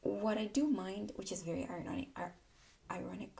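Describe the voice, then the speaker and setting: In a mid-range, steady voice that's gravelly and dark, a Tanzanian woman speaks a little fast. She's a political commentary vlogger with English as her second language, offering a candid, casual opinion to camera and repeating words for emphasis.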